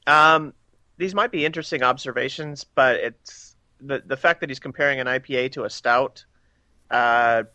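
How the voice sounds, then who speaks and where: A male podcast guest with a bright, forward tone. He talks in a relaxed interview style and weighs his points carefully. His voice sits in an ordinary middle range, recorded dry and close. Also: medium pitch, normal speed, dry recording. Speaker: magazine editor, podcast guest. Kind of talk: casual interview chat.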